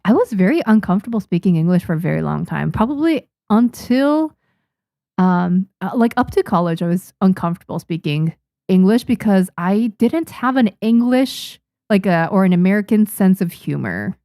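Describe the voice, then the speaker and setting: On her livestream, a young native Japanese speaker from Japan who draws manga reads viewer comments in an animated, moderately paced way, with a medium-pitched, dark-toned voice. Small laughs and frequent restarts dot her casual chat, and the studio sound is clean with no echo.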